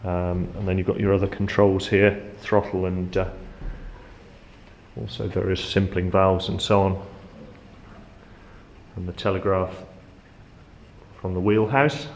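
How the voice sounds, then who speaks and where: A man with a low-pitched voice gives an informal guided tour, explaining as he goes. His intonation stays very flat. The sound is echoey, as in a metal-walled engine room, with a faint background noise. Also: measured pace, long pauses. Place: inside a ship's engine room.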